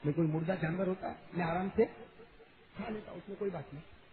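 A male preacher telling a story as a sermon, quizzing his audience and shouting to drive points home. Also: high voice, reverberant. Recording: tinny lo-fi recording with loud crowd noise.

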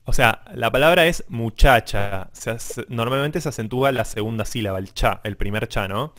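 A man lectures on music theory in a steady, explanatory way. His voice sits at a middle pitch, and he keeps checking in with his students as he goes. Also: moderate pace. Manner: explanatory, checks understanding with frequent "¿sí?". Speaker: music teacher. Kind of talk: online class lecture.

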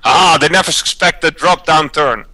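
A man's voice: a little high, normal speed, a crowd in the background. A man chatting and laughing with friends during an online multiplayer game. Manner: laughing, excitable. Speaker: gamer. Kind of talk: casual multiplayer banter.

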